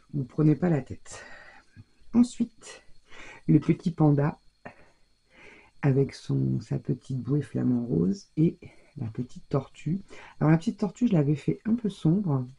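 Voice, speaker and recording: A woman talks her viewers through her scrapbooking in loose, casual commentary. Her voice is gravelly and husky with a dark, mellow tone. She thinks aloud as she works. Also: low-pitched, lo-fi sound. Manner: chatty, thinking aloud while working. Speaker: scrapbooking crafter.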